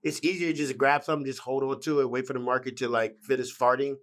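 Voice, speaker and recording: A man's voice: mid-range voice, level tone, fast talker, a bit bright. A man, a real estate agent, chatting casually as a podcast guest in a laid-back, slangy way.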